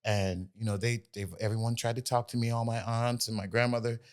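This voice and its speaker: An American guest in his forties, a singer, shares his story in an easygoing interview, drifting along with many fillers and restarted thoughts. His mid-range voice is smooth and brisk, with a flat delivery.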